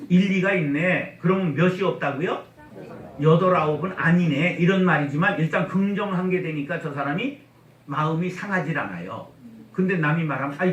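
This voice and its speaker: A man preaching a humorous revival sermon, getting the congregation to repeat after him and mimicking slow regional speech. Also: a little high. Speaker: guest pastor at a revival meeting. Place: church sanctuary. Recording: echoey church hall, mic at a distance.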